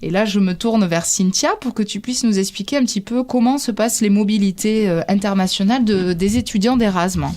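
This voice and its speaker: A woman's voice: medium pitch, a little fast, few pauses, mellow. A woman interviewing on radio as host, rephrasing as she goes in a hesitant manner. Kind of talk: semi-prepared radio interview.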